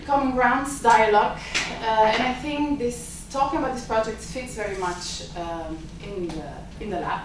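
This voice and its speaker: A symposium host and lab director whose first language is Italian gives hesitant opening remarks at an academic symposium in a university seminar room, using many filler sounds. Her fairly high voice is unhurried. The lecture room is echoey and noisy, with the mic far off.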